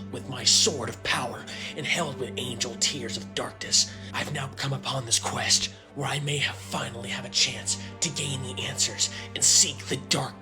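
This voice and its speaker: A man playing a brooding, melodramatic dark warrior, speaking with pompous menace in a fantasy role-play parody. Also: medium pitch, vocal fry. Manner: pompous, theatrical, ominous.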